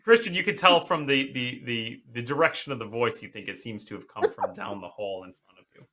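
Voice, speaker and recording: A man's voice: mid-range voice, lively intonation, sharp tone. A man narrating a horror tabletop game as game master, often restarting his phrases and filling gaps with "uh" and "um". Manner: halting, many restarts and fillers.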